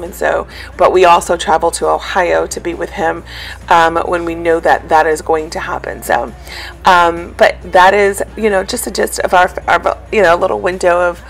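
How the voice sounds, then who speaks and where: Chatty woman with a gravelly low voice. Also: fairly bright tone. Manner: chatty, rambling with many ums. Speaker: cleaning vlogger. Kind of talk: casual voice-over chat.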